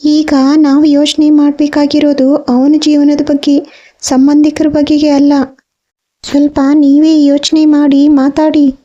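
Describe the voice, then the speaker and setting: A woman's voice: high voice, completely flat delivery, a little slow, warm tone. A woman playing a caring middle-aged mother who soothes her son and argues for him. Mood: reasoning. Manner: soothing, reasoning, firm. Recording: slightly dull audio.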